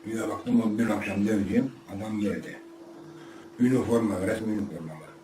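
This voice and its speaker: A man's voice: lowish voice, a little fast, background noise. Older man, interview subject, rambling and repetitive storyteller, recorded from a distance in a roomy space with faint background ambience. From Ardahan, northeastern Turkey. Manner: rambling, acts out quoted dialogue, repeats himself. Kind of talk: casual spoken memoir.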